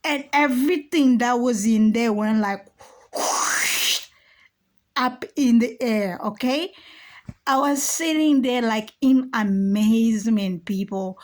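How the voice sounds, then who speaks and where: A middle-aged woman with a slightly high voice tells her spiritual experiences at an unhurried, drawn-out pace. She shifts between soft, hushed asides and loud, animated exclaims, and keeps checking in with "okay?" and "you know". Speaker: spiritual YouTuber. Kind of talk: casual spiritual storytelling. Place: home at night.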